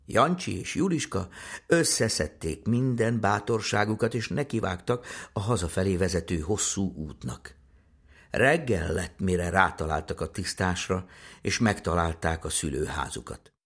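A man narrating a fairy tale in a gentle, expressive storytelling manner. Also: deep voice, slightly rough.

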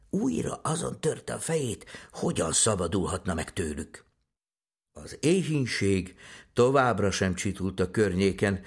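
Low-voiced man reading a fairy tale, husky tone, lively melodic delivery. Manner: gentle, expressive storytelling. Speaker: storyteller.

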